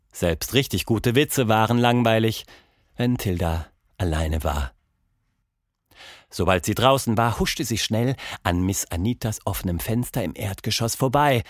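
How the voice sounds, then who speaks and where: A man hosting a children's audio show and reading a story aloud in an expressive, unhurried way. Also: lowish voice, no echo, clean studio sound. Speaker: host and storyteller.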